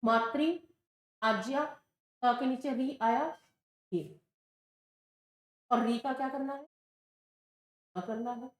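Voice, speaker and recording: High-voiced woman teaching slowly. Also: roomy sound. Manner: patient, asks questions and answers them herself. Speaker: Sanskrit teacher. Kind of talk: exam-prep lesson at a board.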